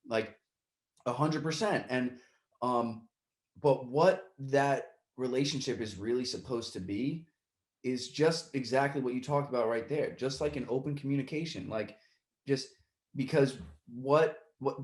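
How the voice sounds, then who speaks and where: Medium in pitch and a little slow, the man's voice echoes in a reverberant space as he hosts a podcast. He rambles casually at length, restarting often, and gets worked up retelling a story. His roots are on the Puerto Rican side of his family.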